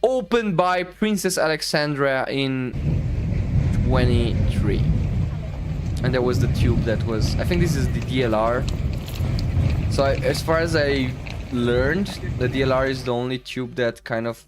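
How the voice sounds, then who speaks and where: Over vlog footage, a young streamer host from the Balkans talks in a mid-range voice, a little slowly, through heavy background noise. His chat is casual and rambling, full of fillers and easy laughter.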